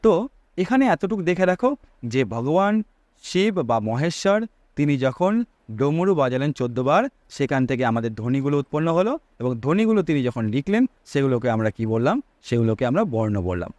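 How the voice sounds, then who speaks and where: A man's voice: medium pitch, sing-song, fairly quick, a little mellow, no echo. A man teaching a Sanskrit grammar lesson, asking his students rhetorical questions and drawing out vowel sounds to show their length.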